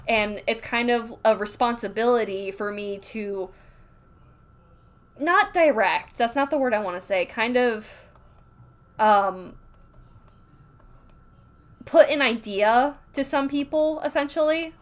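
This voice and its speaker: A woman's voice: a little high, a little slow, long pauses. A woman livestreaming while drawing, rambling candidly in casual chat, full of filler words, reading chat aloud and reacting.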